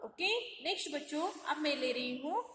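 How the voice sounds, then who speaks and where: A woman's voice: sits high, fairly quick, a bit bright, slight background noise. A woman teacher leading young children through a syllable lesson, drawing out and repeating each sound and often calling to the children. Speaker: kindergarten teacher. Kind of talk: slow syllable-by-syllable Hindi alphabet lesson for small children. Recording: echoey room with long reverb.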